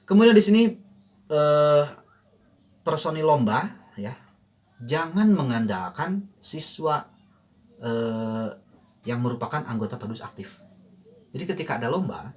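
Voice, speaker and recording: A man coaching choir in a casual online lesson, thinking aloud with many fillers and briefly singing short lines to demonstrate. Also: fairly low pitch.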